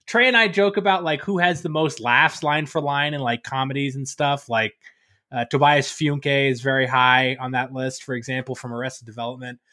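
A man co-hosting a casual podcast chat about a play, talking in lively bursts and reading verse aloud with loud drama. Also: medium pitch, normal speed. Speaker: podcast co-host.

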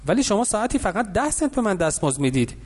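Young boy in a storybook, indignant and curious, questioning, raised pitch, as a male narrator puts him on. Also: very animated. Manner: pointed, questioning. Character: nine-year-old boy, indignant and curious.

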